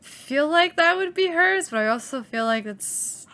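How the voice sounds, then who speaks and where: A woman's voice: high voice, animated, a little slow, bright, forceful tone, a little hiss or hum. A woman streamer chatting and joking casually over a game.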